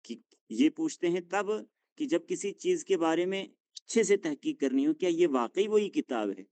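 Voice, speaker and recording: A man's voice: on the high side, lively intonation, moderate pace, dry recording. Patient man drilling a language class. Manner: patient, encouraging, corrects gently. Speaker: Arabic teacher.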